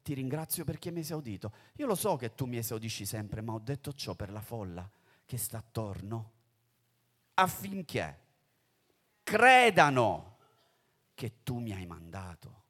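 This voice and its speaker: A man preaching, voicing Jesus in scripture dialogue in a solemn, slow, hushed way. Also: mid-range voice, very animated, voice pushed down. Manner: solemn, slow and hushed, then pressing and raised. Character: Jesus, a grave man commanding and reproaching. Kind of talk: sermon reading of scripture dialogue.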